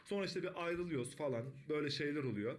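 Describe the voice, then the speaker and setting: A man streaming live blackjack, talking to his chat, swearing a lot and breaking into excited shouts. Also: a little high, quick pace. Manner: profane, bursts into excited shouting.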